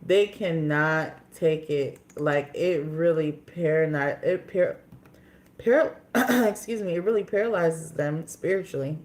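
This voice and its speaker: A woman's voice: deep voice, unhurried, darkish tone. A woman in her twenties from Minnesota, chatting casually on a livestream in a candid, rambling way with many fillers and restarts. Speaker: livestream host.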